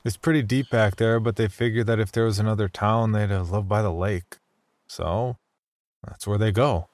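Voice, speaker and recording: A man's voice: fairly low pitch, fairly even intonation, moderate pace, a little mellow, no room sound, close to an everyday voice. A man voicing Jamie, a cautious twelve-year-old small-town boy, in a horror story, speaking in a reluctant, matter-of-fact way. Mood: wary.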